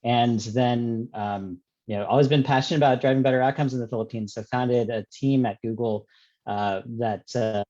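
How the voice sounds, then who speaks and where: A man in his forties on a video call whose connection keeps breaking up, speaking in halting, hesitant phrases. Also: medium pitch, fairly even intonation, a little mellow. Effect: choppy breaking-up internet connection. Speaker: guest speaker. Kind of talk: casual online panel talk. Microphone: video call over wireless. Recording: dull lo-fi call audio.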